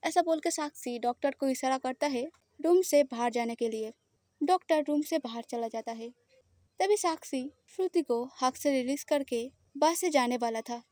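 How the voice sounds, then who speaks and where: A woman narrating a romantic audio story in a plain, steady storytelling voice. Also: high voice, moderate pace, no room sound, clean studio sound.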